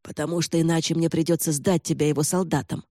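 A man's voice: a little high, flat delivery, fast, darkish tone, dry recording, studio quality. A man reading an audiobook and voicing a gaunt older lord who speaks curtly and snaps commands. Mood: irritated. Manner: curt, commanding, snapping.

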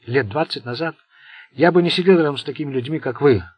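A man's voice: on the high side, fast, slightly rough, no room sound, soft background music. A man voicing an old, contemptuous, domineering mafia boss in an audiobook. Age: older. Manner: contemptuous, commanding.

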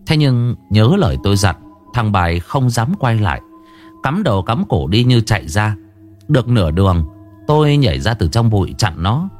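A man narrating a first-person ghost story in an expressive storytelling manner. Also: lowish voice, moderate pace, soft background music.

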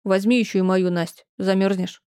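A woman voicing a young man in love who pleads earnestly and slowly. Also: mid-range voice, steady tone, a little mellow, smooth, natural voice.

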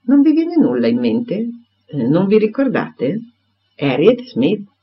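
A man reading a grave, steady gentleman. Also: sits high, takes it slowly, breathy edge, pitched above the performer's own voice, exaggerated voice. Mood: firm. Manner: grave and firm. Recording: dull lo-fi recording.

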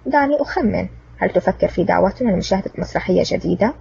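A woman's voice: mid-range voice, lively intonation, racing, vocal fry, dark tone, slight background noise. A woman voicing a cool, sarcastic man, the hero of an audiobook adventure, speaking with cold mockery. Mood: cool sarcasm. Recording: distant, dull lo-fi recording.

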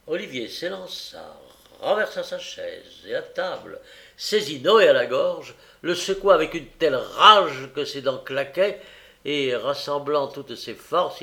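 Brief: male audiobook narrator, slow and measured, occasional hesitant fillers. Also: a little high, vocal fry, fairly bright tone. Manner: unhurried, with frequent hesitant fillers. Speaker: audiobook reader. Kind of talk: novel reading.

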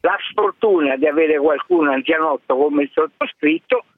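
A man in his seventies calling in to a radio show over the phone, explaining his point in a measured way with dry self-mockery. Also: a little high, no room sound. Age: 70s. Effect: heard over a phone line. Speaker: radio caller. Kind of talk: call-in radio talk. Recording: tinny phone line, dry.

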